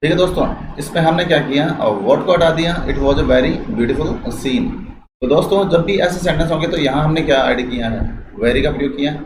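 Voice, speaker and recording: A male teacher giving a lecture on English grammar, slowly dictating sentences as he writes them on the board and asking the class questions. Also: fairly high pitch, echoey room, noisy background.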